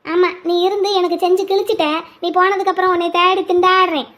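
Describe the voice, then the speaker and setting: A woman's voice: extremely high pitch, flat delivery, quick pace, a bit bright. A woman voicing a small, cheeky and affectionate girl in a cartoon. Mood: teasing. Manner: chirpy, teasing, pleading.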